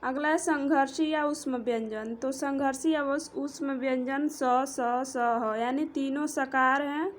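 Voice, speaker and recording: A high-voiced woman teaching a grammar lesson, stretching out each sound as she counts through the letters. She speaks at an unhurried, deliberate pace. A faint hiss of background noise sits behind her. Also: steady tone. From India. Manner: slow, drawn-out, explanatory, counting letters aloud.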